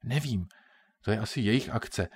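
A man voicing a clever young girl in a children's audiobook, explaining things in a quick, hushed, matter-of-fact way. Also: lowish voice, lively intonation, slightly rough, no room sound. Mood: hushed, sensible. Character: clever, bossy young girl, a whispering schoolgirl.

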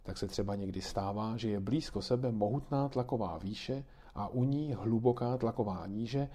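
A man's voice: fairly low pitch, dark tone, natural voice. A man reading aloud and voicing a kindly grandmother who patiently explains things to children. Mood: patiently explaining.

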